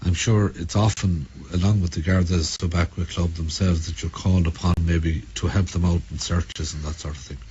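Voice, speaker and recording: Irish radio interviewer guy, low voice, halting questions, slightly muffled noisy audio. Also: steady tone, darkish tone. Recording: dull, faintly noisy radio recording.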